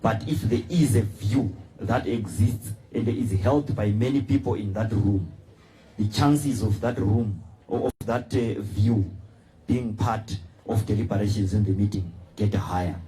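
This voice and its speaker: A man's voice: lowish voice, measured pace, warm tone, low-quality recording. A man speaking on a panel. He speaks in an earnest, admonishing way and uses occasional fillers. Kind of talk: panel discussion remarks.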